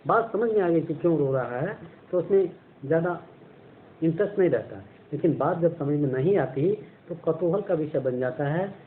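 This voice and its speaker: A male teacher with a fairly high voice walks through a story line by line. He explains words as he goes and asks himself questions before answering them. The sound is narrow and phone-like, with a faint hiss. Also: animated, normal speed. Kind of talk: explaining a textbook story in a lesson.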